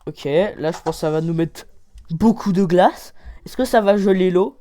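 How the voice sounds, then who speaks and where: A woman voicing lively game commentary from her desk, easily excited and quick to cheer or groan. Her voice sits a little low and sounds dark and mellow. She exclaims often and scores each item out of ten. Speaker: gaming channel host.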